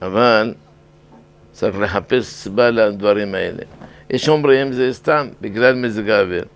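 An older man, a rabbi, giving a weekly sermon on scripture and law, talking deliberately and repeating words for emphasis. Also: fairly low pitch, smooth.

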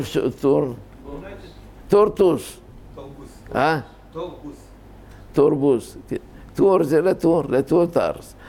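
Older man with a gravelly voice teaching. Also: medium pitch, a little mellow. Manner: explanatory, digresses into anecdotes. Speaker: rabbi teaching Torah grammar. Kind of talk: informal Torah lesson.

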